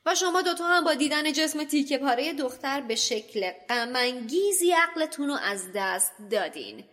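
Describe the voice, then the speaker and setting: A woman voicing a vain, boastful male wizard teacher who turns traitor, gloating loudly and theatrically in an audiobook reading. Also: sits high, expressive, long reverb tail, voice pushed up. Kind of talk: audiobook character voice.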